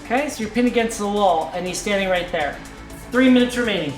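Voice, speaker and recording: A woman running a live tabletop game, narrating the action and calling out rules in a brisk, commanding way. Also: mid-range voice, animated. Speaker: game master. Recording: echoey room with music behind.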